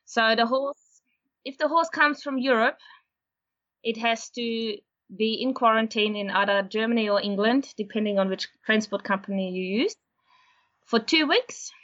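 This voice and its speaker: A woman from Austria, a horse breeder interviewed as a guest, explaining things in a steady, unhurried way. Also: a little high, dull audio. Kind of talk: casual interview.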